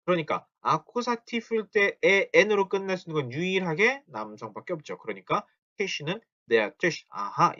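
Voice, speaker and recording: Lively male language teacher, lo-fi. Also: fairly high pitch. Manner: explains step by step, repeats words slowly for pronunciation. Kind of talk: recorded grammar lecture.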